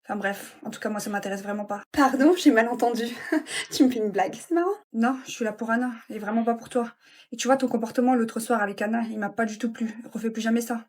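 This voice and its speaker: A woman's voice: a little high, fairly even intonation, fast talker, darkish tone. A woman performing comedy sketches, trading brash slangy retorts as every character.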